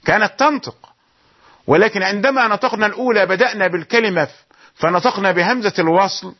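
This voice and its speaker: A man teaching the rules of Quran recitation, explaining each point and then slowly chanting the example verses. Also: high voice, husky, muffled recording. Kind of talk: tajweed lesson with chanted verses.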